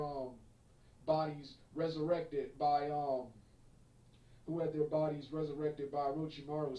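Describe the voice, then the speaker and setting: Male reviewer, slightly high but mellow voice, halting delivery full of fillers, recorded far from the mic. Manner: halting, many fillers and restarts, repeats phrases. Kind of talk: unscripted spoken review. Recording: echoey room, voice far from mic.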